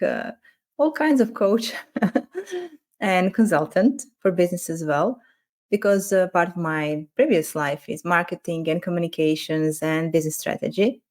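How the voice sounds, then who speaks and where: A woman's voice: lowish voice, darkish tone. Woman coach, reflective podcast talk. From Croatia. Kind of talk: casual podcast conversation.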